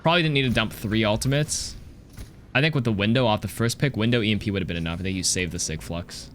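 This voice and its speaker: A man's voice: on the low side, quick pace, a little hiss or hum. A man reviewing gameplay as a coach, talking casually in a blunt, analytical and sometimes sweary way. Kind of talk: casual live game review commentary.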